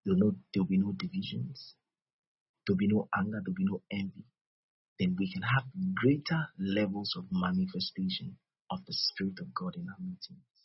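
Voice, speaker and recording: West African preacher, low muffled male voice. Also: a little fast, slightly rough, no room sound. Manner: didactic, repeats phrases, checks understanding with the listeners. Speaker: preacher teaching a congregation. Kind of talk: sermon.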